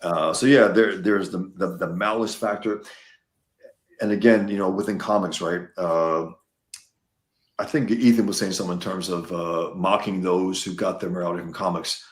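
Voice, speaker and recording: A man's voice: sits low, fairly even intonation, normal speed, roomy sound. A man from the United States, a guest in a casual conversation, talking emphatically and repeating words as he gets worked up.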